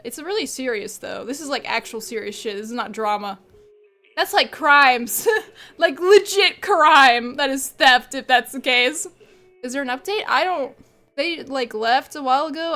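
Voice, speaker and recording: A woman's slightly high, sharp-toned voice carries a casual livestream chat with her viewers. She sounds stuffed up from a cold and allergies, and she rambles and laughs frequently.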